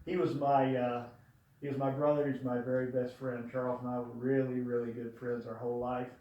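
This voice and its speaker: A man's voice: mid-range voice, little pitch movement, a little fast, muffled recording. An older man speaking at a memorial, telling fond, rambling stories about his late brother with many fillers. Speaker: eulogy speaker. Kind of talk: storytelling at a memorial. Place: large room before an audience. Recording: very echoey room, voice from far off.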